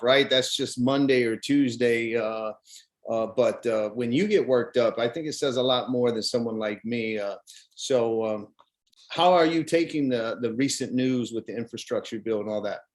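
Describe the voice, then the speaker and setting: A man's voice: medium pitch, normal speed. A man hosts a casual interview, speaking in a friendly, rambling way. He pads his questions with uhs and you-knows. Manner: friendly, chatty, many uhs. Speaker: interview host.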